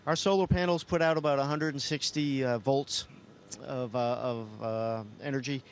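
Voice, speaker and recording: A man's voice: medium pitch, steady tone, moderate pace, clean tone. A man, an astronaut, answering questions over a space-to-ground radio link. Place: inside a space station. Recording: noisy space radio downlink.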